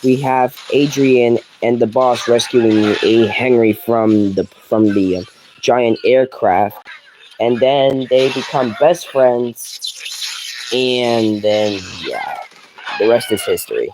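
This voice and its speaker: A man's voice: medium pitch, takes it slowly. Rambling man over a noisy recording. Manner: rambling, restarts sentences, laughs at own jokes. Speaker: gaming commentator. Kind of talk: casual commentary while playing.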